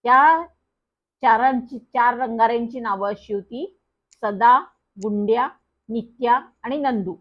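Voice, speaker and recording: Woman storyteller, high voice, lively first-person children's story, dull lo-fi recording.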